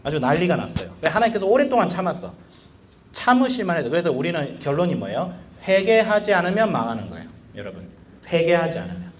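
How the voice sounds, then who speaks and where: A male school evangelist delivers a casual devotional sermon to students, slangy and animated, packed with rhetorical questions. His pitch is fairly high and his pace quick, with slight background noise.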